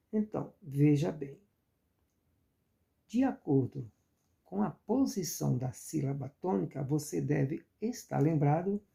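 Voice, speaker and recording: A man's voice: fairly high pitch, vocal fry, mellow. A man teaching a lesson, patiently repeating example words and asking rhetorical questions. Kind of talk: slow classroom explanation.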